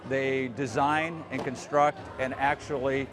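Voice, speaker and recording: A man, a teacher, explaining a school activity in an interview, with halting fillers. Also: medium pitch, fairly even intonation. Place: school building, children around.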